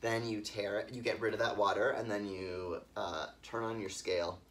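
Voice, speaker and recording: A man's voice: lowish voice, fairly even intonation, moderate pace, far from the mic. A man hosting a casual coffee-making vlog in a yurt, explaining in an easygoing, wordy way. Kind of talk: casual chatty demonstration. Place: yurt in the mountains.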